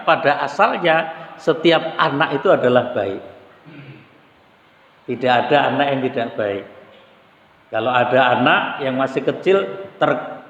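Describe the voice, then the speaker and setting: A male preacher, speaking at a middle pitch in a relaxed and conversational way, with rhetorical questions and folksy asides. His voice rings through a large, echoey mosque hall with a long reverb tail. The recording is dull and lo-fi. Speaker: Islamic preacher. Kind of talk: sermon.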